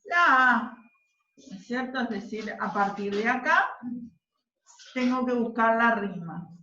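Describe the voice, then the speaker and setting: A woman teaches a class at a slow, patient pace, stopping again and again to check that her students follow. Her voice sits a little high. It is caught from across a roomy classroom on a dull, muffled recording. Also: bright, forceful tone, recorded from a distance. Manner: patient, explaining step by step with frequent checks. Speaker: literature teacher. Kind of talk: classroom lesson.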